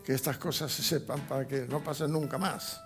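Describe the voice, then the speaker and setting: An older man telling his life story as a guest in a TV studio interview, speaking in halting recollection with restarts and fillers. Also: mid-range voice, fairly even intonation, over music. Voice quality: gravelly, husky voice. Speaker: interview guest, Holocaust survivor. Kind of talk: personal testimony in a TV interview.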